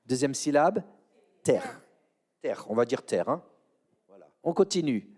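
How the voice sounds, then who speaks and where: A man with a French accent presents a church children's show, leading an interactive quiz and playfully coaxing answers from the audience. His medium-pitched voice is very animated, unhurried and darkish in tone.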